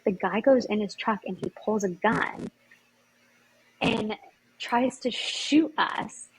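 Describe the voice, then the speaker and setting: A woman's voice: mid-range voice, slow, background noise. A woman from Ontario, Canada, a podcast guest telling a story in a rambling, casual way, full of "like". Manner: rambling, fills speech with "like". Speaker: podcast guest, former yacht chief stew.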